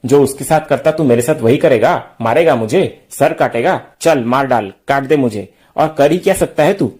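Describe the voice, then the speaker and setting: A man's voice: medium pitch, moderate pace, a little mellow, natural voice. A man reading the lines of an arrogant, defiant older woman in a haughty, scornful way, keeping his own voice.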